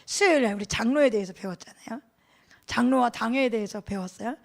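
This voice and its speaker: A middle-aged woman pastor preaching a sermon in a lively, conversational way, asking the congregation questions and laughing often. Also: a little high, a little fast, vocal fry.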